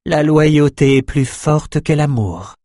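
Man doing a ghost empress woman, cold and slow, higher voice, dry audiobook. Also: mellow, dry recording.

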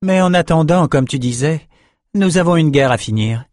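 Male reader doing a young swordsman, high and punchy, dry audiobook sound. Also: lively intonation, normal speed, darkish tone, dry recording, natural voice. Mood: spirited.

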